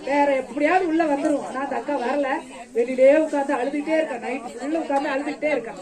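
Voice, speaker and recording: A woman's voice: sits high, steady tone, quick pace. A woman tells a group of children a Bible story. She keeps asking them questions, answers them herself, and coaxes them along fondly. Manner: coaxing and affectionate with the children. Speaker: children's ministry teacher. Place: outdoors during rain. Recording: children's chatter all around.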